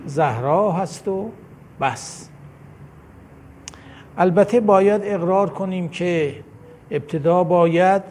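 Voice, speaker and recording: A man's voice: on the high side, a little mellow, slight background noise. A man giving a devotional lecture, reading a numbered list of points in a declamatory way that rises on each number. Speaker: religious lecturer.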